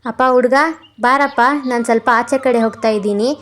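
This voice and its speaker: A greedy, scheming merchant, put on by a woman narrator in an animated story. He talks quickly and slyly. The voice stays fairly high, with faint music behind it. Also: lightly acted. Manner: sly, fast-talking.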